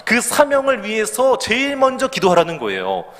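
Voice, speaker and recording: A man preaching in an animated way, calling out hallelujah between points. His voice sits a little high and swings widely up and down. The sound rings with a long church-hall echo. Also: moderate pace. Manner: animated preaching, calls out hallelujah, laughs at his own anecdote. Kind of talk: sermon at a midweek prayer service. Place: church sanctuary.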